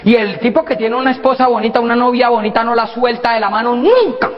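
A man with a Colombian accent doing stand-up comedy, acting out scenes and shouting his punchlines. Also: very high-pitched, fast talker, a faint crowd. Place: comedy stage before a live audience. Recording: dull live recording with audience noise.

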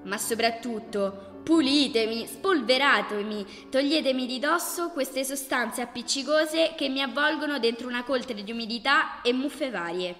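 Woman doing a lonely old male notebook, whiny, pleading, high voice, long reverb, clear music behind. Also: moderate pace, few pauses. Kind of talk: audiobook reading. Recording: reverberant audiobook over loud music.

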